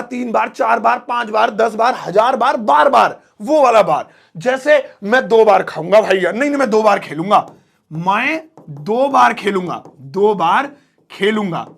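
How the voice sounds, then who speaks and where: A man's voice: sits high, creaky, a bit bright. A man teaching an English lesson at a whiteboard, explaining words playfully, with jokes and mock exclamations.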